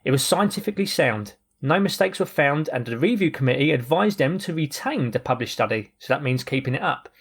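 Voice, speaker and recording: A man with a slightly higher voice reads and paraphrases a post aloud on a podcast clip. He breaks in now and then with dry, wry asides, keeping a conversational tone. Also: lively intonation, fairly quick, hardly any pauses, slightly rough. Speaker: podcast host.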